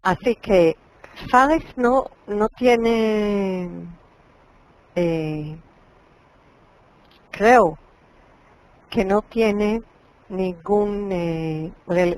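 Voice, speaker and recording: A woman with as her lectures on Bible studies at a slow, deliberate pace. She explains patiently and draws out words to model their pronunciation, stopping now and then with a hesitant "eh". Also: medium pitch, darkish tone, poor audio. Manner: explanatory, slows to spell out pronunciations, frequent "eh" pauses. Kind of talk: lecture on Hebrew names.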